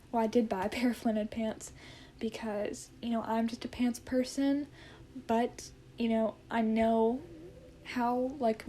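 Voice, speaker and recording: A young woman vlogger talks casually in a fairly high but very mellow voice. She is hesitant and rambling, circling back to reword her thoughts, with a flat melody. Faint noise sits behind her. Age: 20s. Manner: hesitant, rambling, self-correcting. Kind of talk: casual chat to camera. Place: indoor room at home with plants.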